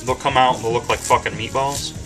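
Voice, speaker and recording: A man's voice: medium pitch, fairly even intonation, quick pace, music in the background, low-quality recording. A man in his thirties talking casually to a webcam while cooking in his home kitchen, rambling with lots of ums and swearing freely. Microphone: webcam camera mic.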